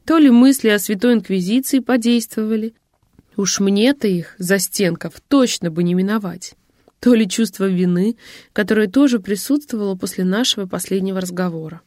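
A woman narrating a first-person novel as an audiobook, in a wry, even storytelling manner. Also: medium pitch, moderate pace, no echo, clean studio sound.

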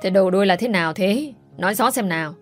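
A woman's voice: mid-range voice, fast talker, lightly acted. A woman voicing a stern middle-aged father-in-law giving commands, with faint music behind.

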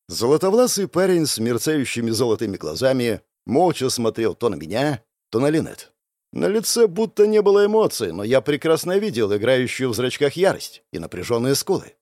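A young man narrating a first-person novel aloud, lively with sarcastic asides. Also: medium pitch, fairly quick, no room sound. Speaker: audiobook narrator.

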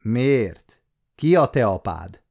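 A man's voice: medium pitch, big pitch swings, gravelly, a little mellow. A man playing a young soldier in an audiobook, speaking firmly and asking questions. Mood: questioning. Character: young soldier, stern but pitying.

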